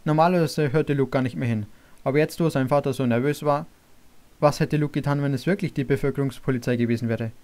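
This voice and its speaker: A man reading a novel aloud as an audiobook narrator, in a steady, even manner. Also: medium pitch, fast talker. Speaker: audiobook reader. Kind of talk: scripted narration.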